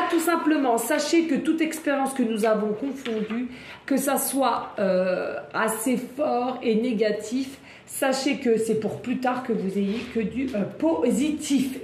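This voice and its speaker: A chatty woman reads oracle cards in a casual video, her voice sitting a little high. She talks with lots of exclamations and laughter, and slows down to repeat each message. The room is echoey, with a faint hum behind her. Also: darkish tone. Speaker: tarot card reader. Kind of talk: casual card-reading video.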